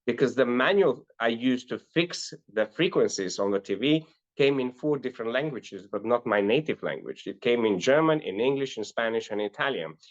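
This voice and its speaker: Here a middle-aged North Macedonian life and business coach earnestly shares his life story during an interview, frequently stopping on "uh". He speaks in a mid-range, animated voice, and the recording is muffled.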